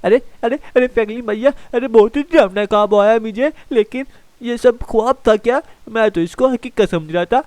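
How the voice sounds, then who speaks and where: A man's voice: extremely high pitch, normal speed, a little mellow, no echo. A man voicing a small mischievous boy in a fan game role-play, whiny and given to panicky cries. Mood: panicked.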